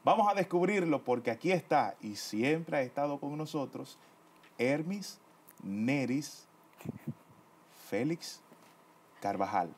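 A man's voice: medium pitch, lively intonation, slow pace, pauses often, husky. A man interviewing a guest on a television program, asking his questions in a friendly, playful way.

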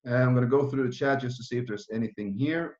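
A man's voice: medium pitch, fast talker, darkish tone. A man in his thirties from Norway giving an online business presentation from a small room, talking casually with many fillers and restarts. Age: 30s. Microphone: webcam video call. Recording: roomy, dull lo-fi webcam sound.

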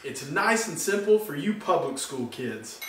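Young guy cracking jokes in a kitchen sketch, animated slightly high voice, roomy echo. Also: measured pace. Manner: wisecracking. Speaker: sketch co-star. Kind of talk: goofy sketch comedy. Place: home kitchen. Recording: echoey kitchen with clicks and noise.

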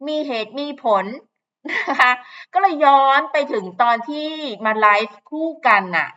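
A woman's voice: high voice, very animated, measured pace, fairly bright tone, lo-fi sound. A woman hosting her own channel, chatting casually and gossipily about a celebrity interview, with frequent fillers and asides. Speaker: channel host. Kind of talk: casual commentary to camera.

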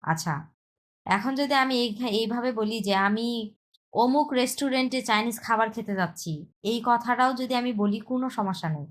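A woman, a Bengali speaker, teaches an online Chinese lesson, explaining step by step and often checking with a quick "yes". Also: a little high. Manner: explains step by step, repeats herself, checks with "হ্যাঁ".

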